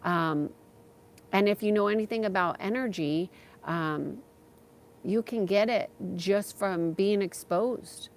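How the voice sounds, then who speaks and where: This is a female livestream host in the role of a spiritual guide, answering viewer questions in a relaxed, halting way as she thinks out loud. There's a slight hiss or hum, and her pitch is mid-range.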